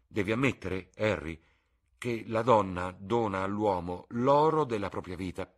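A man with a husky voice reading an earnest, passionate young man, raising his voice for him. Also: very deep voice, animated, normal speed, a bit bright, full character voice.

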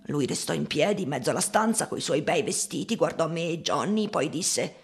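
A woman reading as a gravelly, sorrowful old woman. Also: low voice, expressive, normal speed. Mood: weary, sorrowful. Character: poor old woman recalling hard times. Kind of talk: audiobook reading.

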